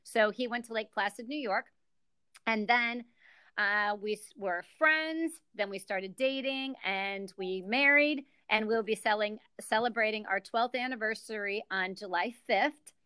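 A middle-aged woman from the United States speaks as a podcast guest, with a bright, forceful tone and a smooth, crisp voice. She explains things carefully and stays upbeat, and the sound is dry and close. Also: mid-range voice, measured pace, dry recording. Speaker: guest, executive director. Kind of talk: podcast interview.

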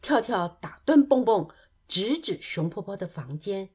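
A woman narrating a children's story in a lively, expressive storytelling manner. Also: mid-range voice, a little slow, breathy edge.

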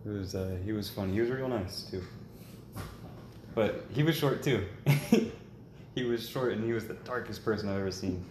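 A young man in casual podcast chat, teasing his friend in a dry, deadpan way. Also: lowish voice, moderate pace. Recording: echoey room with faint ambient noise.

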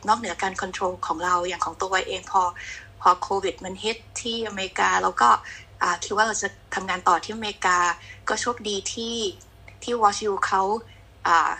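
Thai woman doctor, bright husky voice. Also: mid-range voice, steady tone, normal speed, rough recording. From Thailand. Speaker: doctor panelist. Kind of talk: online panel talk.

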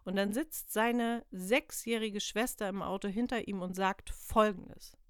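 A woman's voice: mid-range voice, steady tone, a little slow, clean tone, dry recording, clean studio sound. A woman hosting a motivational podcast, talking earnestly in a coaching manner and asking her listener many rhetorical questions. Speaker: podcast host, self-employed team leader. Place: lives in northern Germany.

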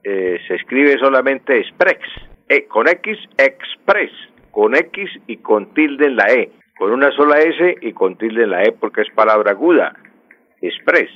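A man's voice: mid-range voice, very animated, no echo. Male language expert, patient explainer, dry and dull radio sound. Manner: patient, explanatory, repeats words slowly.

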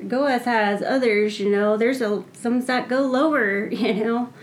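A woman's voice: fairly high pitch, moderate pace. A woman in her thirties co-hosting a casual podcast, blunt and ranting with constant swearing. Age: 30s. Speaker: podcast co-host.

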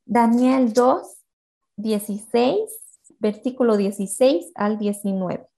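A woman with a somewhat high voice preaching a Bible lesson as a story. She acts out what the figures say and keeps asking her listeners small tag questions. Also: takes it slowly, dark tone. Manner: acts out quoted speech. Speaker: Bible teacher. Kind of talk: Bible story retold as a sermon.

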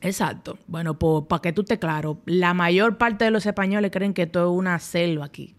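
A woman's voice: lowish voice, brisk. A young Dominican woman speaking as a podcast guest, telling her story bluntly in casual, colloquial speech. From Dominican Republic. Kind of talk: candid conversational storytelling.

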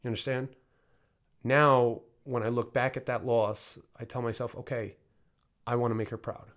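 A man's voice: medium pitch, fairly even intonation, normal speed, fairly bright tone. A man in his thirties talking casually as a podcast host, candid and rambling, with frequent fillers and self-corrections. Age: 30s. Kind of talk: casual personal monologue.

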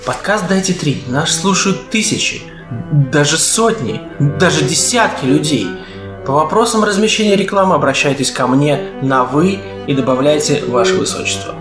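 With a fairly high pitch and a moderate pace, a man from Latvia, lightly accented, hosts a casual comedy podcast. His manner is joking, ironic and mock-pompous, and the recording is echoey with music playing behind him.

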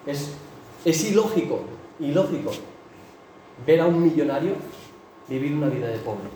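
A man's voice: a little high, animated, moderate pace, dark tone, a little hiss or hum. A man preaching a sermon with impassioned, emphatic delivery. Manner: impassioned, rising to emphatic bursts. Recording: echoey hall, mic from a distance.

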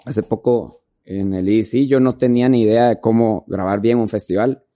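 The interview guest, a videographer, talks loosely and at normal speed, telling meandering stories full of fillers. He has a warm, lowish voice and keeps his intonation fairly even.

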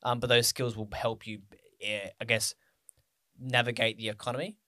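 A man's voice: mid-range voice, level tone, moderate pace, bright, forceful tone, dry recording, studio quality. A man co-hosting a casual chat, eager and chatty, swearing now and then.

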